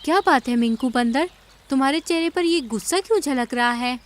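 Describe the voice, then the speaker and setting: A woman's voice: high-pitched, fairly quick, slight background noise, lightly acted. A woman voicing a small, sweet female sparrow in a children's cartoon. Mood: chirpy.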